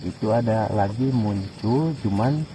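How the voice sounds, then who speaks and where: Man, slightly low pitch, hesitant repeated words, casual local account, clear night insect noise. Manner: hesitant, halting with repetitions. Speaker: local resident being interviewed. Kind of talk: casual recounting. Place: outdoors at night.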